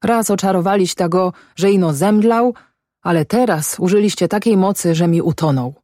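A woman's voice: fairly low pitch, moderate pace, warm tone, no room sound, studio quality, close to an everyday voice. A woman voicing a distraught peasant father who speaks in a muffled, accusing voice in an audiobook. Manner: muffled, pleading then accusing. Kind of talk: audiobook character voice.

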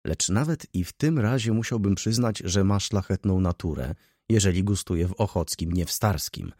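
A man voicing a brooding, jealous middle-aged merchant who thinks gloomily and explains calmly in an audiobook. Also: sits low, moderate pace, slightly rough, no echo, clean studio sound.

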